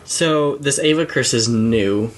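A man's voice: mid-range voice, slow, poor audio. Guy podcasting from his home studio, lots of ums and trailing off, slight hiss behind him. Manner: hesitant, many ums and restarts. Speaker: podcast co-host. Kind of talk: casual anime recap chat.

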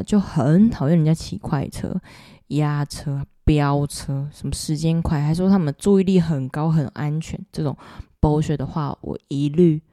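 A woman's voice: deep voice, mellow, no echo, clean studio sound. A woman podcast host with a Taiwanese Mandarin accent, telling a personal story in an emotional, confiding way. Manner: emotional, confiding, keeps asking "you know?".

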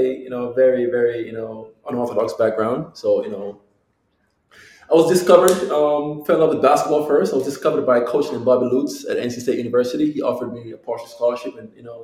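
Talking fast in a mid-range, slightly mellow voice, this Jamaican footballer in his thirties chats loosely through an interview, circling back to the same phrases and tagging lines with "you know." The room is echoey and the recording low quality.

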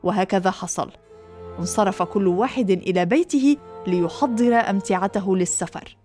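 A woman narrating a children's story aloud in an expressive, animated way. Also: mid-range voice, moderate pace, soft background music.

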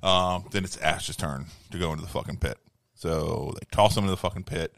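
A man's voice: sits low, fairly quick, creaky, fairly bright tone, slight background noise. A man co-hosting a podcast, casually retelling a film's plot with lots of swearing. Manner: profane, rambling plot retelling. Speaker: podcast co-host. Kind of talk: casual movie recap chat.

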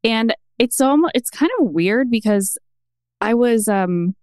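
Chatty woman in her thirties, smooth voice. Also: on the high side, unhurried, no echo, studio quality. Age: 30s. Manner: chatty, animated storytelling with many "like" fillers. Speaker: podcast guest. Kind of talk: casual conversational interview.

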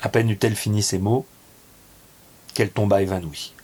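A man narrating a classic tale in a measured, theatrical reading over music. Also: on the low side, fairly even intonation, a little mellow, a little hiss or hum.

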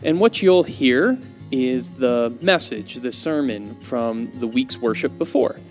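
A man, a pastor, introducing his church's sermon podcast in a relaxed, conversational way with fillers. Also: medium pitch, takes it slowly, faint music behind.

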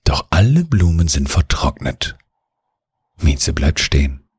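A man slowly narrating a soothing bedtime relaxation story in the second person. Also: very deep voice, big pitch swings, a little mellow, husky, dry recording, studio quality.

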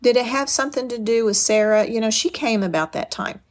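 A woman's voice: a little high, brisk, voice pushed up, close to an everyday voice. A woman doing a curious four-year-old boy. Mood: wondering. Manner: questioning, earnest.

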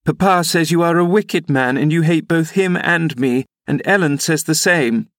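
A man's voice: on the high side, moderate pace, a bit bright, no echo, studio quality, voice pushed up, lightly acted. A man reading as an impulsive, devoted young lady in a classic novel, with earnest, pleading delivery. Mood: defiant. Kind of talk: audiobook character reading.

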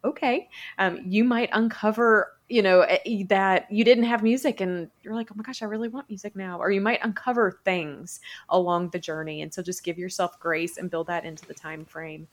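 A woman hosting a podcast, chatting casually and expressively, her voice jumping up in animated moments. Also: moderate pace, hardly any pauses. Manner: animated, expressive, often leaps up in pitch. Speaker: podcast host.

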